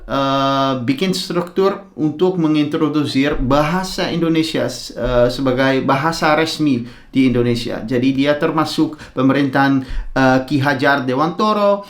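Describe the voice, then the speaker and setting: A man's voice: mid-range voice, measured pace. A man from the Netherlands, explaining word origins in a casual, hesitant way with frequent filler sounds. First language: Dutch. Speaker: content creator explaining language history. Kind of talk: casual explainer talking to camera.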